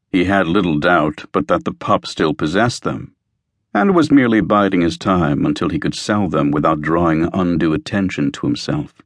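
A man reading an audiobook in measured, atmospheric scripted narration. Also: sits low, dry recording, studio quality. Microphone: studio microphone.

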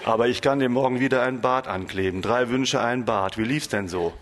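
A man's voice: mid-range voice, fairly quick, natural voice. A man reading the part of a grumpy, crude male barber in a comic storybook, in a voice close to his own. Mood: gruff. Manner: gruff and dismissive.

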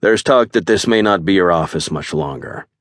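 A man voicing a blunt, wry male warrior with a forceful way of talking. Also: sits low, lively intonation, normal speed, no echo, clean studio sound. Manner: blunt, snorting.

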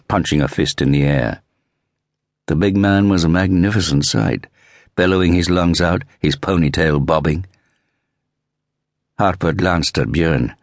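Male audiobook narrator, very low voice, measured and vivid, dry studio read. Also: dry recording. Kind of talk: scripted narration.

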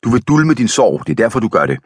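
A man's voice: extremely low pitch, slightly rough, dry recording, heavily acted. Guy doing a fussy dramatic housewife in an audiobook, raised voice, dry sound. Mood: excited. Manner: theatrical, excitable. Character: fussy plump middle-aged craftsman's wife.

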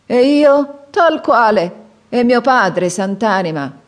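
Booming, bitter old father in an audiobook, read by a woman, pitched up and loud. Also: expressive, takes it slowly. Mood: gruff, scolding. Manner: booming, scolding, sighing. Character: gruff aging widower father, loud, bitter, mocking.

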